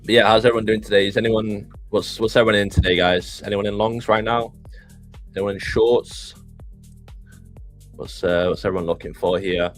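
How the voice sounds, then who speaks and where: Deep-voiced laid-back young man streaming. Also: steady tone, moderate pace. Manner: laid-back, chatty, greets chat. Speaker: live trading stream co-host. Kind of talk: casual live-stream chat. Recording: faint music behind.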